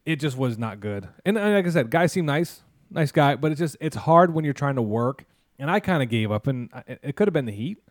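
Speaking a little fast with lively intonation, this mid-range-voiced podcast host and mascot performer, in his thirties or forties, chats casually in a dry studio recording. His rambling stories are packed with fillers, restarts and sarcastic jabs.

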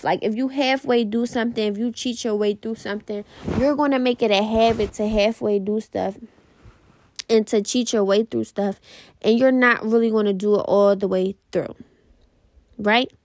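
A young woman hosting a casual motivational podcast, talking fast and passionately with plenty of repetition and casual slang. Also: on the high side, darkish tone. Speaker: podcast host.

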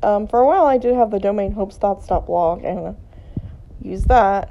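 A woman's voice: mellow, slight background noise. A middle-aged woman at home, sounding tired and sick, talking in a meandering, casual way with many ums and trailing sentences. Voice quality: gravelly, low-energy. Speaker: vlogger. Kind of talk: casual rambling monologue. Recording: dull lo-fi recording.

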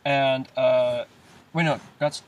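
A man's voice: medium pitch, fairly even intonation, takes it slowly. A teenage man chatting on a podcast, rambling and swearing freely as he tells a story. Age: teens. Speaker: podcast guest. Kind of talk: casual chat.

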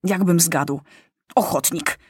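A woman's voice: lowish voice, slow pace, slightly rough, no echo, clean studio sound, full character voice. A woman voicing a grumpy middle-aged army doctor who mutters and scolds. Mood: grumbling. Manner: grumbling, muttering.

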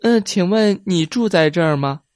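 A polite, curious little girl, as a man puts her on asks gentle questions in a high, light pitch. The reading sounds dry and close, like a children's storybook. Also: animated, moderate pace, dry recording. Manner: polite and inquisitive.

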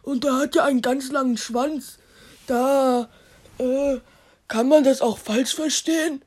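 A woman's voice: high voice, fairly even intonation, unhurried, darkish tone. A woman voicing a silly, cheeky little blob creature in a playful fan story, rambling and stumbling over words. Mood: goofy.

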